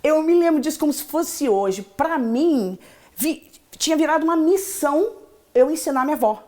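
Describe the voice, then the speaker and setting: A woman's voice: sits high, lively intonation, normal speed, mellow. A woman with a Brazilian Portuguese accent, an English teacher telling stories in a casual podcast interview with enthusiasm and acted-out quotes.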